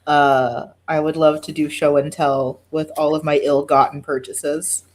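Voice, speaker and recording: A woman's voice: deep voice, little pitch movement, a little slow, slight background noise. Sweary, self-deprecating woman podcaster chatting. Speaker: podcast host. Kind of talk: casual chat.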